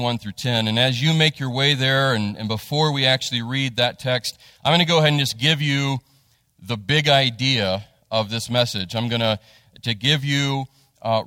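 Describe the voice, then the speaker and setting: Man preaching with animated storytelling. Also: medium pitch, no echo, in a large hall. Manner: animated storytelling, acts out quotes. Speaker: pastor. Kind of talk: sermon with personal story.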